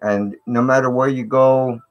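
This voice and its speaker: A man's voice: mid-range voice, steady tone, a little slow, muffled recording. A man hosting a casual live stream, greeting viewers in slangy, repetitive talk through fuzzy, distorted audio. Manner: slangy, repeats "man" and "you know".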